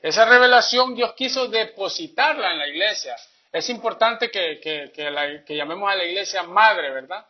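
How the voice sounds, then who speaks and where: A man's voice: sits high, lively intonation, normal speed. A man teaching a catechism class in a folksy, repetitive way, often checking in with his listeners. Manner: folksy, repetitive, with frequent "¿verdad?" asides. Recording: dull lo-fi sound.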